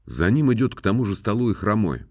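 A man reading a classic short story aloud in an even, unhurried narration. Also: on the low side, no echo, clean studio sound. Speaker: reader.

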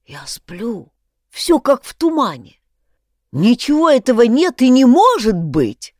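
Brief: woman playing a panicked, depressed man, high and shouting, dragged-out words, dry sound. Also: wildly swooping pitch, slow pace, no room sound, heavily acted. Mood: hysterical. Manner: shouting, hysterical. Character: panicking man, a depressed worker falling from a roof.

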